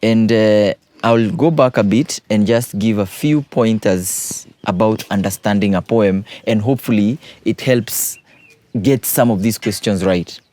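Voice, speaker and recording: A man's voice: fairly low pitch, a little slow, warm tone. A man, a teacher patiently explaining poetry exam questions and repeating key points.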